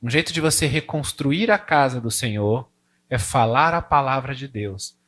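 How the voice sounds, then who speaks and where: A male pastor preaches in an informal, storytelling way, voicing prayers and talks with God as he goes. His voice sits at an ordinary middle pitch. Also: animated, normal speed, fairly bright tone. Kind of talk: conversational sermon.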